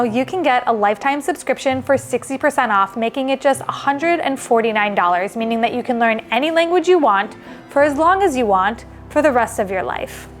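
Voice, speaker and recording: Upbeat woman cooking and chatting on her vlog, kinda high voice, soft music in back. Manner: chatty and upbeat, thinks aloud while cooking. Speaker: cooking video host. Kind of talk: casual cooking vlog with sponsor read.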